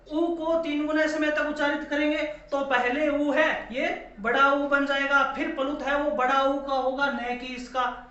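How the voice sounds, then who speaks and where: A male teacher lectures a class in a very high-pitched, pushed, bright voice. He asks his own questions, repeats key phrases and sometimes drawls long vowels to demonstrate them. The room is echoey and the sound is dull and lo-fi.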